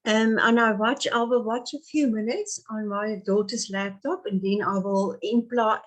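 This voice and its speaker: A woman in her fifties, a therapist and native Afrikaans speaker with an Afrikaans accent, talks earnestly as a guest in a casual interview. Her mid-range voice is fairly even in intonation and a little slow, with many restarts and fillers.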